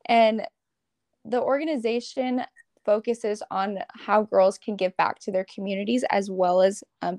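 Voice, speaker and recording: A woman's voice: mid-range voice, gravelly, a little mellow, no echo. Young american woman, late teens, chatting as a podcast guest, pretty dry close sound. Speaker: podcast guest, pageant competitor and volunteer. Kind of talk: conversational interview answers.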